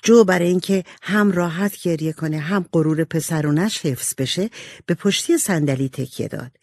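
A narrator reading a children's storybook aloud, with expressive delivery. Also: mid-range voice, dry recording. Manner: expressive, varied intonation.

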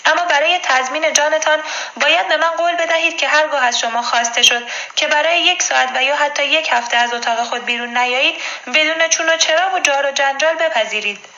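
A woman voicing a proud, stern male submarine commander who speaks firmly and with measured words, in a storybook reading. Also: high voice, pushed and bright, highs cut off.

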